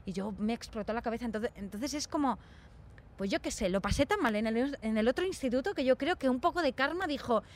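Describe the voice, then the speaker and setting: A woman's voice: on the high side, expressive, brisk. A young woman from Spain chatting casually and telling stories, acting out the voices of people she quotes. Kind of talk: casual chat.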